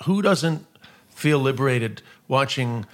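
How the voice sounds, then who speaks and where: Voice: medium pitch, expressive, slow pace. A podcast co-host chatting casually and reacting with wry jokes. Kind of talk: casual chat.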